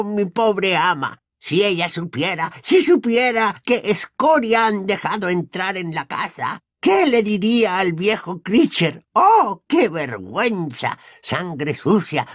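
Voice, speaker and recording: A man's voice: high-pitched, no room sound, studio quality, pitched above the performer's own voice, full character voice. A man voicing a bitter, servile old male house-elf who mutters spitefully under his breath in an audiobook. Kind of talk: audiobook character voice.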